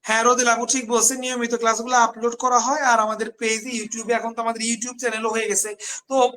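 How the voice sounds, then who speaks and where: A man's voice: very high voice, little pitch movement, brisk, pushed and bright. Bangladeshi man drilling English grammar. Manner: repetitive, drilling questions and answers. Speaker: English teacher. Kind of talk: live online class.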